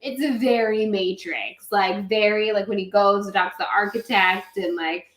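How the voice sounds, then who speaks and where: A tipsy woman in a casual movie review chat, rambling and animated, swearing and drawing words out. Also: medium pitch. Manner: tipsy, drawn-out, rambling delivery. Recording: roomy echo.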